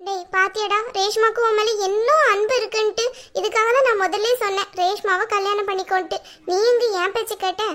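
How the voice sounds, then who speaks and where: A woman's voice: extremely high pitch, little pitch movement, fairly quick, fairly bright tone. A woman voicing a blunt middle-aged mother who scolds her son in a cartoon drama. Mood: scolding. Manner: scolding, bossy.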